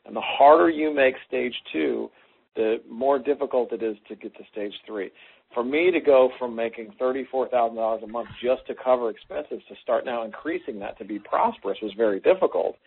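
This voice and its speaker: A man co-hosting a talk, teaching through an animated personal story and acting out quoted lines. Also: medium pitch, fairly quick, vocal fry, slightly rough. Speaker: co-host. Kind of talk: conversational teaching. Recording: phone-like lo-fi line.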